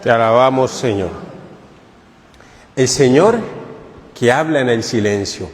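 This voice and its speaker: A man's voice: mid-range voice, unhurried, in a large hall. A man who is a priest, giving a catechesis sermon at a retreat in a conversational, joking way and putting questions to the congregation. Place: parish church.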